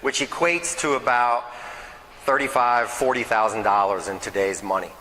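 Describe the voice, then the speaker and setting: A man's voice: medium pitch, steady tone, normal speed, bright, forceful tone, big-room sound, rough recording. A man giving a nervous, chatty local history talk to a small audience, often checking in with "okay?" and "right?". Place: meeting hall, in front of a crowd.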